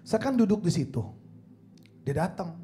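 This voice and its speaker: High-voiced man telling jokes at church. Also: expressive, moderate pace, dark tone, slight background noise. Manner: joking storyteller who addresses the crowd as "Saudara". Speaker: guest speaker, singing coach. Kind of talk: humorous church talk. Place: church hall.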